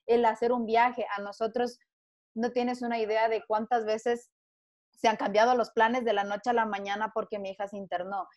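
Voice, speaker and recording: A woman from Ecuador, a guest on a panel talk, speaking earnestly and telling a story with frequent restarts. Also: medium pitch.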